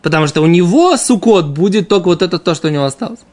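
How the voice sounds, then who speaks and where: A man's voice: high voice, lively intonation, rapid-fire, darkish tone. A man giving an informal religious text lesson as a teacher, explaining by asking and answering his own questions. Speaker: Talmud teacher.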